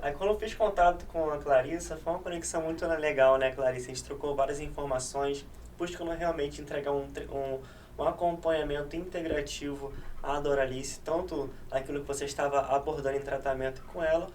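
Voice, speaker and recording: A man's voice: on the high side, fairly even intonation, fairly quick, a little mellow. A man co-hosting a podcast, telling a story in an enthusiastic, chatty way. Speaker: podcast co-host, trainer. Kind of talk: casual podcast chat. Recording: distant mic with faint noise.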